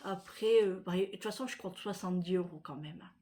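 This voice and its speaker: A middle-aged woman from France talks straight to her viewers in a relaxed, rambling vlog chat. Her speech wanders from one small aside to the next, full of fillers and restarts. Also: lowish voice, brisk. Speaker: vlogger. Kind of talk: casual chat to camera.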